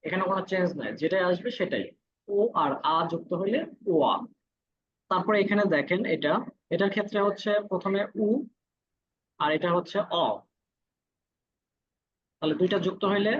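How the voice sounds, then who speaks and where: Guy teaching a class online, husky voice, dull muffled sound, says every vowel twice. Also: high voice. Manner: patient, repeats each vowel sound slowly. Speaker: Korean language teacher. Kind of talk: classroom lesson.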